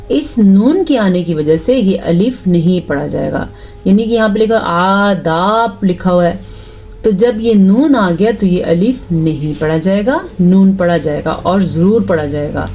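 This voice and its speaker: A woman teaching tajweed, explaining each rule patiently and checking her students follow, then reciting verses slowly in a drawn-out chant. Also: medium pitch, dark tone, lo-fi sound. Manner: explains rules patiently, asks "ٹھیک ہے؟" after each point.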